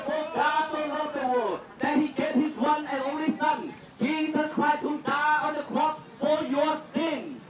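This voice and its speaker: High-pitched male doomsday street preacher. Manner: loud, exhorting, repetitive warnings of judgment. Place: outdoors at a flea market. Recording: distant, echoey, noisy outdoor recording.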